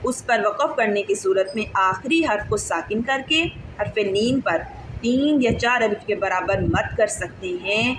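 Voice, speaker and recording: A woman teaching a recitation class online, patiently drawing out syllables and checking that her pupils follow. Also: mid-range voice. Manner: patient, drills syllables slowly and asks pupils check questions. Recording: echoey room with clear background noise.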